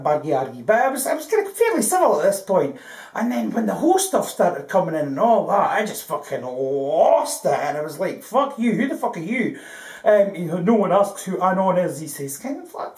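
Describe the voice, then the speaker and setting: A woman's voice: mid-range voice, a little mellow, echoey room. A Scottish woman ranting in a vlog, swearing constantly, laughing at herself and peppering her talk with "ken" and "aye". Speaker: vlogger. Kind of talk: profane ranting monologue.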